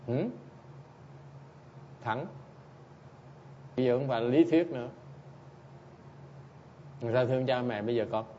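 Man, Buddhist teacher, dharma talk, blunt and teasing, middle pitch, muffled lo-fi recording, faint background hiss. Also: unhurried, long pauses, warm tone. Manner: blunt, teasing, keeps prompting listeners with "Hả?". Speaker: Buddhist teacher answering audience questions.

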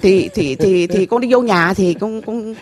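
A woman's voice: medium pitch, crowd noise. Earnest middle-aged woman with a Southern Vietnamese accent. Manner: earnest, halting, repeats herself and keeps addressing the master. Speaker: temple visitor telling her story. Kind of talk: emotional personal testimony.

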